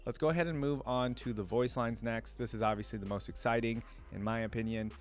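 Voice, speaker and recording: Talking directly to his audience, a man hosts a reaction video, chatting casually and reading out the text on screen. He speaks a little fast at a medium pitch, with fairly even intonation.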